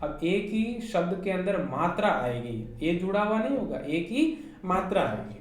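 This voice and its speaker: A woman's voice: lowish voice, very animated, a little slow. A woman teacher with a Hindi accent giving an online class lecture, explaining step by step and asking her students rhetorical questions. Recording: very echoey room with faint noise.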